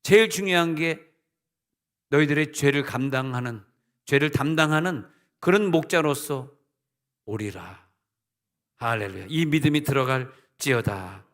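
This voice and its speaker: This middle-aged pastor sits on the higher side of the male range, bright-ish and expressive, taking his time and pausing often as he preaches. His sermon swings between emphatic climbs and conversational asides. The sanctuary lends it a long church reverb.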